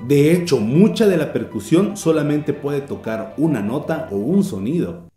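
A man's voice: fairly high pitch, expressive, moderate pace, dark tone. A man teaching percussion in a scripted video lesson, explaining step by step and speaking straight to the viewer. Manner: explanatory, addresses viewer directly. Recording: roomy echo, faint music behind.

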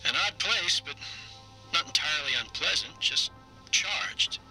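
A man's voice: a little high, expressive, sharp tone, soft background music, heavily acted, rough recording. An actor playing a wry, observant man musing in a scripted video game audio log. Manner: wry, musing, measured wording.

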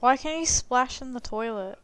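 A woman's voice: high voice, normal speed, a bit bright, clean tone. A young woman, chatting blunt and crude as she plays a life-sim game, swearing and laughing freely. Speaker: gaming streamer. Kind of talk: casual gameplay commentary.

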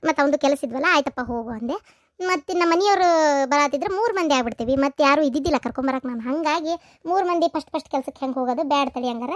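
Woman voicing a middle-aged cartoon mother, chatty, North Karnataka Kannada accent, high voice, quick talk. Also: no room sound, clean studio sound, close to an everyday voice. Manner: brisk and talkative.

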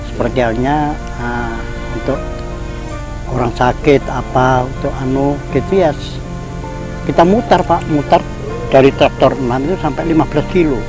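A man's voice: medium pitch, fairly even intonation, normal speed, low-quality recording. Older village man, interviewee, plain agreeable answers, music underneath. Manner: plain, agreeable, with hesitant fillers. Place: outdoors on a wooden house porch in a village.

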